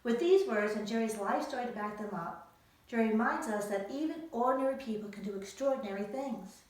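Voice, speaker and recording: Fairly high in pitch and a little fast, her voice has a darkish quality. The woman is an author giving young readers an emphatic storytelling presentation of her own book, with rhetorical questions. Heavy echo fills the recording, and the microphone is distant.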